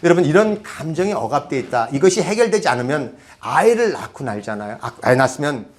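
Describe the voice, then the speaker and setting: In a somewhat high, sing-song voice and at a quick clip, a man gives a public talk about parenting. He chats with the audience through frequent rhetorical questions, drops into half-banmal, and makes conversational asides.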